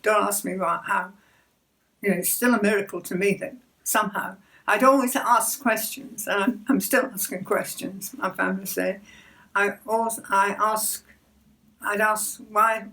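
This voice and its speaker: Older woman sharing her faith, distant mic. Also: mid-range voice. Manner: hesitant, gentle, repeats words, soft laughs. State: emotional near the end. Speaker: church member sharing testimony. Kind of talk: personal faith testimony.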